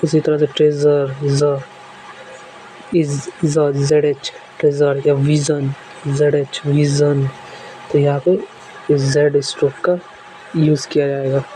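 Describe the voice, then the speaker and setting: A man's voice: on the high side, dark tone, slight background noise, rough recording. A man teaching a shorthand class, patiently walking through examples and repeating them step by step. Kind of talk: classroom lesson explaining strokes.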